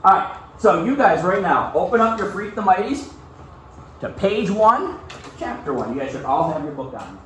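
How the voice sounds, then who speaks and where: High and sing-song at a moderate pace, this slightly bright male teacher's voice guides a classroom lesson with read-aloud, regularly dropping in short check-in questions. Recorded far from the mic in an echoey space with faint noise.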